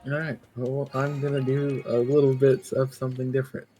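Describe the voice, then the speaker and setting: A man's voice: mid-range voice, completely flat delivery, a little fast, mellow, faint music behind. Wry, easygoing male gamer. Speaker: streamer. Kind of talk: casual gameplay chat.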